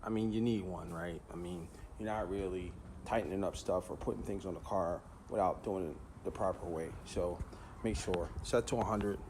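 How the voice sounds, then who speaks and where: A man's voice: low-pitched, moderate pace. Casual Philly man outdoors. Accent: Philadelphia. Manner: laid-back, chatty, swears casually. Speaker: car channel host. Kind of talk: casual vlog talk. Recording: noisy outdoor ambience. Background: outdoor noise.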